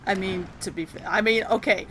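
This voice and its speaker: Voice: medium pitch, steady tone, fairly quick, pushed and bright, a little hiss or hum. A co-commentator on a video game, joking, teasing and laughing often. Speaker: let's play co-commentator. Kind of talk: casual gaming commentary.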